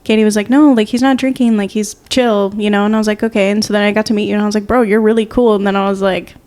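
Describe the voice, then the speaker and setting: A woman's voice: medium pitch, fairly even intonation, very fast, darkish tone. Giggly woman in her twenties. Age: 20s. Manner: giggly, storytelling with quoted asides. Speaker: podcast co-host. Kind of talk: casual chat.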